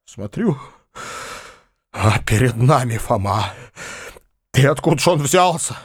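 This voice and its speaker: A man reading a classic novel aloud as scripted narration, lively and expressive. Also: medium pitch, slow pace, slightly rough, dry recording, studio quality. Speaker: audiobook reader.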